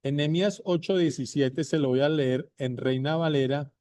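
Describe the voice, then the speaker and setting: Male Bible teacher, unhurried and repetitive, dark mellow tone, dry close sound. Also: on the high side, clean tone, no room sound. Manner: repeats points slowly, addresses viewers directly. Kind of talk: slow deliberate bible teaching.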